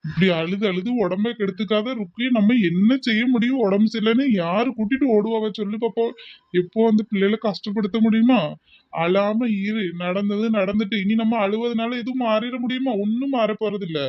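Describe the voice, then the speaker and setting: A man voices a grieving old husband in a cartoon, pleading with his wife and gently scolding her over and over. His voice is high and quick. The recording is dull and lo-fi, with a dry sound. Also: steady tone, no echo, close to an everyday voice. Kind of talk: cartoon voice acting.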